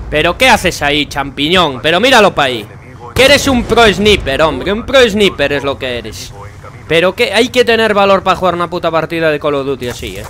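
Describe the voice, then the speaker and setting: A man's voice: high-pitched, fairly bright tone. A young man with a Spanish accent from Spain, commenting on his own gameplay in a frustrated, sarcastic way and swearing a lot. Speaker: gaming channel host. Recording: game noise and gunfire behind.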